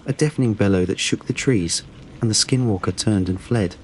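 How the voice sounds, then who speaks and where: A man reading a scripted horror story in a steady, measured storytelling delivery. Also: on the low side, a little hiss or hum, rough recording. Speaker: narrator.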